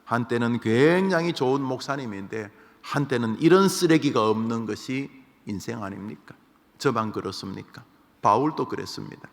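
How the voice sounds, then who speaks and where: Gravelly-voiced male pastor in a reverberant church. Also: medium pitch, moderate pace. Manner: rhetorical questions, acts out scripture voices. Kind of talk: morning devotional sermon.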